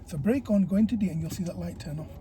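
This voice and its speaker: High-voiced male driving instructor in a noisy car. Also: rapid-fire, warm tone. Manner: encouraging, step-by-step guiding. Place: inside a car being driven. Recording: clear car noise. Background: car engine and road noise.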